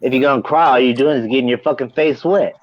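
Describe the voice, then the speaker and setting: A man's voice: mid-range voice, fast talker, muffled recording. A man telling a wild story in a casual interview, swearing freely, laughing often, and repeating "you know what I'm saying". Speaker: band member guest.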